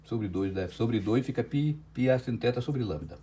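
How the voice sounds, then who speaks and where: A warm, expressive, medium-pitched voice at normal speed belongs to a Brazilian Portuguese-accented man lecturing on physics online. He walks through a problem in steps and regularly checks with "certo?".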